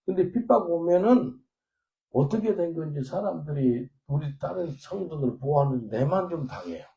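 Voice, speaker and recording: Gravelly-voiced pastor preaching. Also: male voice, fairly high pitch, normal speed, lo-fi sound. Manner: animated storytelling, swinging from loud to quiet; switches into simple English for quoted prayers and dialogue. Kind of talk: sermon with personal testimony.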